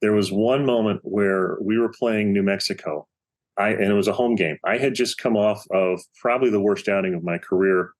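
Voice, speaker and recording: A man's voice: lowish voice, moderate pace. A middle-aged man, a baseball coach, telling a story as a podcast guest, acting out the quotes as he goes. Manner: animated storyteller, acts out quotes. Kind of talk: storytelling in casual interview.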